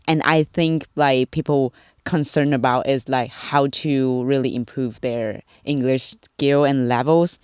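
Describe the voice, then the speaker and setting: Smooth-voiced podcast host asking questions. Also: medium pitch, dry recording, clean studio sound. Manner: hesitant, filler-heavy questions. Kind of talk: podcast interview.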